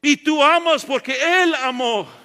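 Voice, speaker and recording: High-voiced preacher in a reverberant church. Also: male voice, sharp tone. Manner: preaching, switching between Spanish and English, slow emphatic lists. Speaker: pastor. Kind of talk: bilingual sermon. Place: church sanctuary. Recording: long church-hall reverb.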